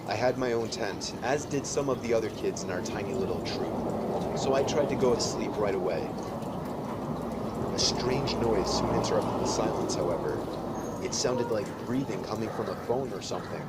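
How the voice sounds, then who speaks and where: A man's voice: on the low side, normal speed. Man narrating a horror story over heavy noise. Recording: loud background noise. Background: loud noise.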